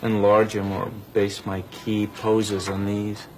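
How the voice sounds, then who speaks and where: A man's voice: lowish voice, monotone, slow pace. A man speaking as a character animator, explaining his method informally in a documentary interview. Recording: noticeable background noise.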